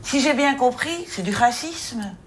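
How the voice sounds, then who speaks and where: A woman's voice: sits high, animated, a little slow. A woman judge sternly questioning a defendant in her office. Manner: stern, pointed, interrogating. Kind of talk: courtroom questioning.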